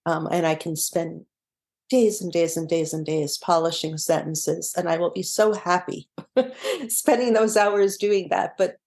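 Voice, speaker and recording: A middle-aged woman with a slightly low voice, a guest author in a podcast interview. She talks in a reflective, unhurried way, laughs easily and often circles back to restart a thought. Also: vocal fry, a little mellow.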